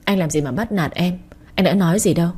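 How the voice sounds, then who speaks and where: Woman reader as a placating young husband, soft, husky, warm tone. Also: on the low side, fast. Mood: coaxing. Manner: coaxing, placating. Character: young husband, patient and teasing. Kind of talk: audiobook character reading.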